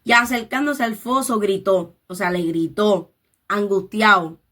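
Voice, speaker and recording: A woman's voice: mid-range voice, a little slow, fairly bright tone. A woman leading a Bible study, reading scripture aloud and explaining it in her own words, dropping in English interjections. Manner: reads scripture aloud and paraphrases it.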